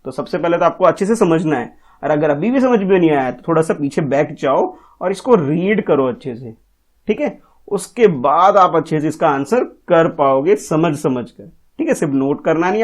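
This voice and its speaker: A man teaching a textbook lesson to young children, patient and often checking in with the class. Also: a little high. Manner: patient, repeats "ठीक है?" often.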